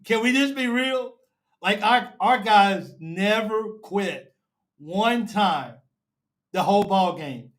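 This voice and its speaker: A man hosts a live fan show, excited and emotional, repeating himself and calling listeners baby and bro. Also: sits high, takes it slowly.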